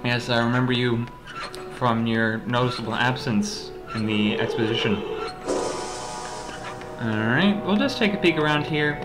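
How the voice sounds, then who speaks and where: A man's voice: medium pitch, a little slow, pauses often, poor audio. A man hosting a let's play, chatting casually in a rambling way with wry asides. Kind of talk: casual gameplay commentary. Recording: game music behind voice. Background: game music and dialogue.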